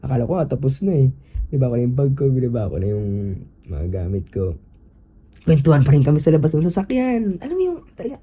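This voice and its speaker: A man's voice: on the high side, slightly rough, poor audio. A young Filipino man hosting a podcast, telling a story casually in mixed Tagalog and English with lots of fillers. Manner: animated, Taglish chatter with many fillers. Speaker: podcast host.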